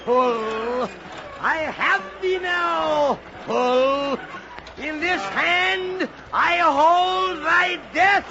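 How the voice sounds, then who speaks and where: An actor playing a weary, obsessed old whaling captain in a theatrical, halting old time radio drama style. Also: male voice, very high-pitched, vocal fry, exaggerated voice. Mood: commanding, frenzied. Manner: theatrical, halting, repeating phrases. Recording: muffled, noisy old radio drama recording.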